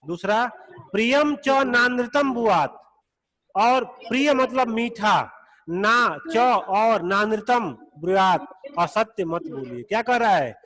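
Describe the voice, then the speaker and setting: A man teaching a Sanskrit class over a video call, explaining slowly and patiently, repeating each point. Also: high-pitched, lively intonation, fairly bright tone. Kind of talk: online class lecture. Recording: long echoey reverb.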